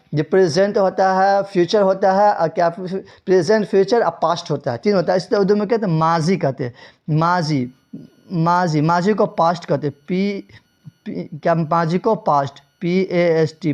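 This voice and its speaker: The voice sits high with a darkish tone: a man preparing students for an exam in Urdu grammar. Answering his own rhetorical questions, he repeats each answer and spells out English words letter by letter, all in dull lo-fi audio.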